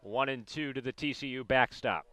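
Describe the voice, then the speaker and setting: On live radio, a man calls baseball play-by-play in clipped, descriptive phrases as the game unfolds. His mid-range voice is bright and forceful at a moderate pace, with no room sound.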